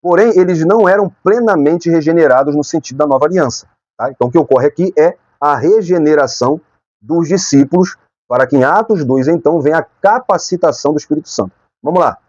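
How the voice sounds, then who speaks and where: A Brazilian man teaching a Sunday school lesson, walking through his points one by one and pausing to check that his class is following. His voice sits a little high and has a mellow, warm tone. The recording is dry and slightly dull. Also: no room sound. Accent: Brazilian Portuguese. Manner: explains point by point, often checking with "tá?". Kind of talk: Bible lesson.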